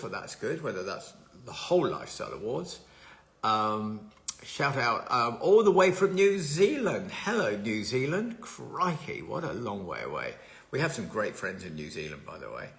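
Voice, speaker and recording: A man's voice: lowish voice, gravelly, bright, forceful tone. A man hosting a live stream from home, chatting casually and rambling while greeting viewers by name.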